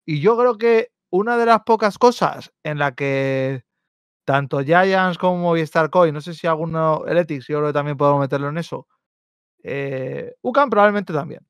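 A man co-hosting a loose esports podcast, his voice smooth and resonant and set a little high. The sound is close and dry, with no room around it. He jokes, teases the others and swears freely. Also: normal speed, no echo. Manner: joking, swears freely, talks over others. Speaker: podcast co-host. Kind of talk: casual esports chat.

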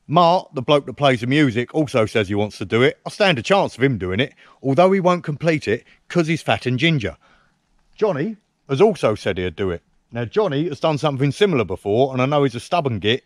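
An English camping vlogger talks to a camera mounted close on a tripod at a woodland camp, his medium-pitched voice very animated and fairly quick. He trades cheeky, loose banter, teasing a friend and mocking himself drily, and the sound is dry with no room echo.

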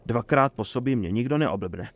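A man's voice: mid-range voice, expressive, lightly acted. A man voicing a stern male innkeeper who speaks coldly and sarcastically. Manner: cold, sarcastic. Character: stern middle-aged male innkeeper, cold.

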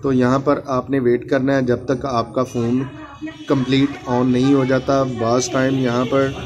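Over music, a man with a medium-pitched voice, little pitch movement, and a measured pace walks viewers through a phone repair step by step, repeating each instruction as his hands work. He addresses them as friends, and the noisy home recording sounds muffled.

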